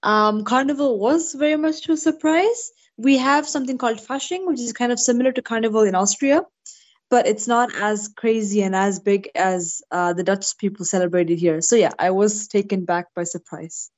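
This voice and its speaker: A woman's voice: mid-range voice, normal speed. A woman originally from India, speaking as a podcast guest in a friendly, reflective way over a remote call. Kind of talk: casual podcast chat.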